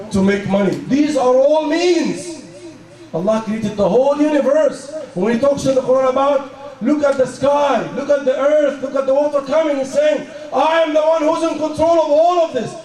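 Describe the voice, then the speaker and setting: Man, preacher, emphatic sermon, rhetorical questions, dark mellow tone, reverberant hall, far from the mic. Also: extremely high pitch, moderate pace. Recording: echoey hall, voice from a distant mic.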